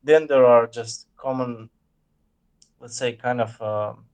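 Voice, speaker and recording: A man in a casual conversation, explaining ideas in a measured way and often pausing to search for words. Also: medium pitch, steady tone, a little mellow, clear, resonant tone. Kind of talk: casual chat.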